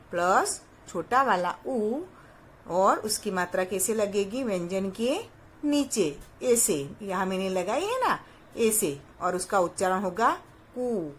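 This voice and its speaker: A woman teacher speaks at a very slow, careful pace to young children, sounding out each syllable clearly and asking them questions as she goes. Her pitch sits in an ordinary middle range. A faint hiss runs under the recording. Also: fairly bright tone. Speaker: primary school teacher. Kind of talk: slow, patient Hindi phonics lesson for young children.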